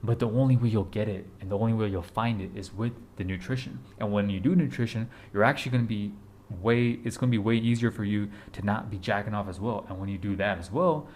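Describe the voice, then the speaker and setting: With slight background noise behind him, a fitness vlogger in his 20s speaks quickly in a fairly low, darkish voice. He gives a casual motivational talk to camera, urgent and blunt, repeating points and swearing casually.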